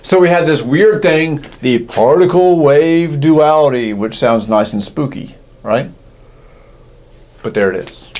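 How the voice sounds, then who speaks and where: A man lectures on physics in a relaxed classroom way. He corrects himself as he goes and keeps checking in with his listeners. His voice sits a little higher than most men's. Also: measured pace. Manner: casual, self-correcting, asks "right?" often. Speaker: physics teacher.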